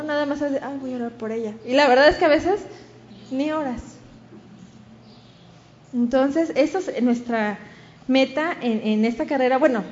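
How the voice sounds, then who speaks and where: A woman's voice: high-pitched, darkish tone, dull audio, slight background noise. A woman with a Mexican accent preaching a sermon, telling a story and acting out the voices of the people in it.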